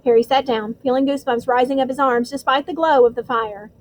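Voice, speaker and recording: A woman's voice: high-pitched, fairly even intonation, fairly quick, a little hiss or hum, low-quality recording. A woman narrating an audiobook, reading steadily with dramatic stresses. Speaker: audiobook reader.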